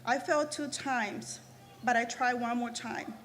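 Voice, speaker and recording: A Salvadoran woman in her 30s, a graduating student, gives a prepared ceremony speech in a reverberant hall with faint background noise. Her voice is a little high, steady, and fairly bright. She speaks earnestly but haltingly, often restarting.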